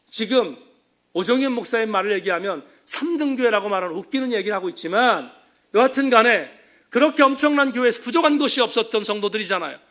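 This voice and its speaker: A man preaching an impassioned sermon as a pastor in a church, building to loud emphatic peaks. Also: high-pitched. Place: church sanctuary.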